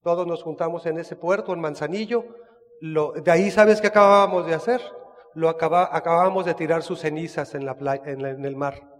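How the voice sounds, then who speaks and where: Mexican man, high voice, chatty storyteller with restarts, long room reverb. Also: brisk. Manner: chatty, frequent restarts, asks listener asides. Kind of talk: casual personal storytelling.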